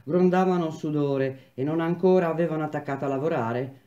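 A woman reading a novel aloud in a measured, even storytelling manner. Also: sits low, dull audio. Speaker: reader of a novel.

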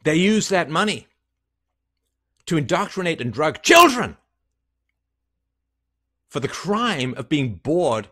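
A man's voice: sing-song, takes it slowly, long pauses. A man in his fifties delivering an angry, sarcastic, profane solo rant on a headset mic in a small room. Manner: angry, sarcastic, profane, swings from low mutters to loud outbursts. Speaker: podcast host. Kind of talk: impassioned solo rant to camera. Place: small indoor room with plain wall.

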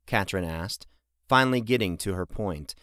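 A man reading fantasy audiobook narration in a measured, even way. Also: low voice, no room sound, studio quality. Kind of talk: scripted narration.

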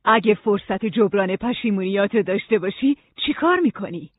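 A reader voicing a calm, gentle older woman librarian, giving slow soothing explanations in an audiobook. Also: medium pitch, no room sound, close to an everyday voice. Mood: explaining. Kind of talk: audiobook reading. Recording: tinny phone-like sound.

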